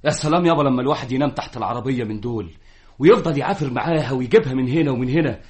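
A man's voice: medium pitch, rapid-fire, darkish tone, close to an everyday voice. Man playing a reluctant young Egyptian son. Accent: Egyptian Arabic. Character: young son who loves car mechanics. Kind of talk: radio drama acting.

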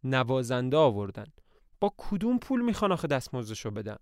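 A man's voice: mid-range voice, big pitch swings, dry recording, clean studio sound, close to an everyday voice. A man reading aloud voices an earnest, tense young woman who runs the household. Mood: fretting.

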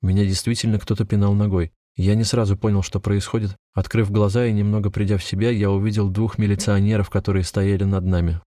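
Audiobook narrator: man in his 20s, calm and measured, low voice, dead-dry sound. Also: no echo. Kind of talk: first-person audiobook narration.

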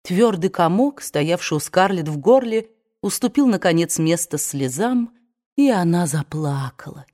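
A woman narrating a novel aloud in a measured, expressive reading. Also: fairly low pitch. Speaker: audiobook reader. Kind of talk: scripted narration.

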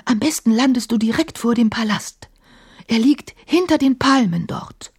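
Secretive whispery genie guy from a bottle, high and breathy , lady reader puts him on. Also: moderate pace, a little mellow. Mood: whispering. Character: sentimental, apologetic male genie living in a bottle. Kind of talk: radio drama reading.

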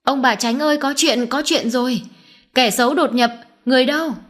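A woman's voice: high voice, fast, pitched above the performer's own voice, lightly acted. A woman voicing a young male servant who frantically cries out for help over his wounded master. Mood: panicked.

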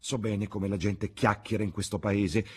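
A man reading the part of an arrogant, scornful young gentleman in an audiobook, with a sneering, cutting manner. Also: fairly low pitch, fairly even intonation, normal speed, breathy edge, pitched above the performer's own voice.

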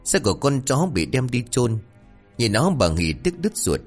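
A man narrating a horror story in a dramatic, animated storytelling manner. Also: medium pitch, normal speed. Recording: faint background music.

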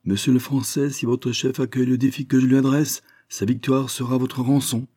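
A man doing a gruff English commodore. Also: low-pitched, expressive, normal speed, mellow, no room sound, clean studio sound. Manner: blunt, commanding. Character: gruff greedy older English naval commodore.

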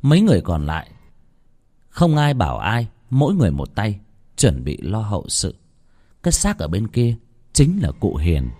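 A man's voice: lowish voice, wildly swooping pitch, normal speed, pauses often, mellow. A man, narrating a scripted horror story with dramatic tension.

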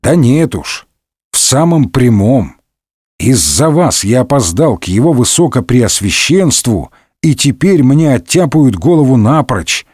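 A man's voice: mid-range voice, very animated, unhurried, darkish tone, slightly rough, no echo, studio quality. A man voicing a hot-headed young swordsman who wails and protests melodramatically. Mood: indignant. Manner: wailing, indignant outbursts.

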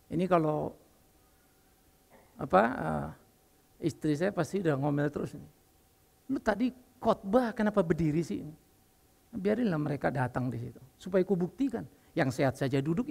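An older man preaching a lively, joking sermon as a pastor while unwell. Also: fairly high pitch, moderate pace, gravelly, pauses often, long reverb tail. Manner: lively and joking, mixing in English phrases. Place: church.

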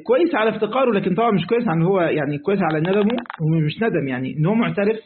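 Egyptian male religious teacher, fast and high-pitched, colloquial lesson over a narrow lo-fi line. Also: a little hiss or hum. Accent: Egyptian Arabic. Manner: lively, acts out dialogues, switches between reading text and colloquial asides. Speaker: sheikh teaching Quranic exegesis. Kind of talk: colloquial lesson explaining a classical text. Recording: tinny phone-like audio.

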